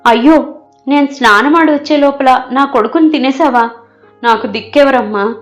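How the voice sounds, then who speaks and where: A woman's voice: mid-range voice, normal speed, soft background music, close to an everyday voice. A woman voicing a clever young palace maid who pleads and wails dramatically in a storybook. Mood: wailing. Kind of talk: storybook character voice.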